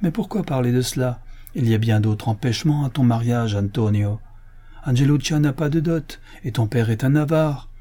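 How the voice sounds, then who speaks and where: A man voicing a stern, sorrowful old Corsican father who speaks gravely and wearily in an audiobook tale. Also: mid-range voice, moderate pace, warm tone, close to an everyday voice. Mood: weary. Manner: grave, weary speech.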